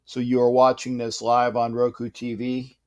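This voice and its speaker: A medium-pitched man speaks in a monotone while hosting a live sports talk stream. Upset and subdued, he keeps stuttering and restarting, his soft words trailing off into silence.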